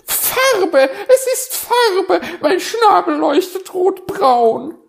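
A man voicing a hysterical female magpie in a storybook reading, shrieking and wailing in a very high voice. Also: very animated, very slow, creaky, full character voice. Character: shrill hysterical female magpie, old friend.

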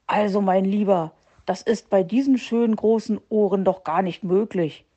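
A sly fox wheedles and sulks as he schemes his way out of bed rest, as a woman voices him for a storybook. The voice sits mellow and a little dull. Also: on the high side, a little slow. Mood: wheedling. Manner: wheedling, easily offended. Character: sly scheming male fox faking illness.

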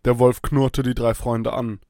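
Guy reading a kids' adventure story, calm, dry close sound. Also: medium pitch, unhurried, no room sound. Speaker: narrator.

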